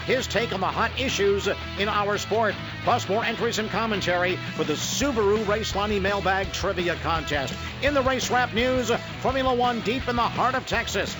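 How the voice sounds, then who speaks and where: A man hosting a motorsport news radio show in a brisk announcer style. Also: high voice, music in the background.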